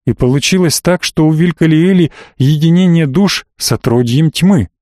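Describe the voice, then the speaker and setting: A man's voice: on the high side, moderate pace, a little mellow, no echo, natural voice. A man voicing an arrogant, stiff male elf, a father-in-law, in an audiobook reading. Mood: solemn.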